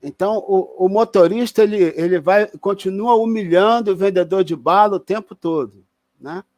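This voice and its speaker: A man's voice: high-pitched, moderate pace, darkish tone, no room sound. A man with a Brazilian Portuguese accent giving an online spiritist lecture in a conversational, explanatory way, with restarts and tag questions.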